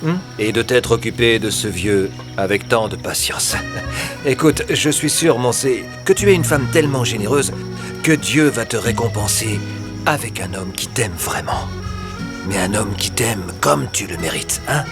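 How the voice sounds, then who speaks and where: A man's voice: fairly low pitch, lively intonation, measured pace, music in the background. An older actor playing an affectionate old father thanking the women of his family, in a French-dubbed telenovela. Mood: tender. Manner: warm, affectionate. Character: old father, grateful and tender.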